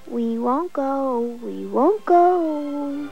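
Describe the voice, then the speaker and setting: A woman's voice: medium pitch, huge pitch swings, unhurried, a little mellow, dull audio, soft background music. A woman voicing carefree runaway goats who taunt in a singsong way. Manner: singsong, defiant.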